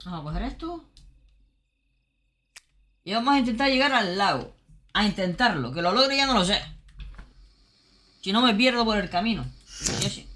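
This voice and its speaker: Woman, game streamer, chatty commentary, lively swooping voice. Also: mid-range voice, moderate pace, pauses often. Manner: chatty, talks straight to viewers, thinks aloud. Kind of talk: casual gameplay commentary.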